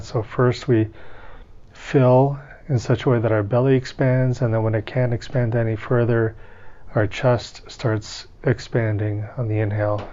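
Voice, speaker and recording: A man with a medium-pitched voice guides a meditation calmly, gently and without hurry, leaving long pauses between instructions. The recording sounds muffled.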